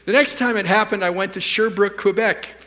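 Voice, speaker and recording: A man's voice: high voice, a little fast, pushed and bright. A middle-aged man preaching a storytelling sermon, rambling through anecdotes with stammering restarts and self-deprecating humor. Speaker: pastor. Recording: reverberant church hall.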